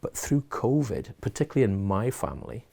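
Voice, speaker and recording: A middle-aged man talks through his advice in an interview, pausing and restarting as he thinks. His voice is low and mellow with a gravelly edge. He sounds reflective and plain-spoken. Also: big pitch swings. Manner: thoughtful, restarts and repeats words, offers homely advice. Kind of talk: reflective casual conversation.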